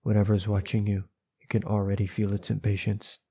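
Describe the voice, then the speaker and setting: A man reading a second-person horror story aloud, quickly and with stumbles and nervous asides to his viewers. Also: fairly low pitch, completely flat delivery, mellow, slightly rough.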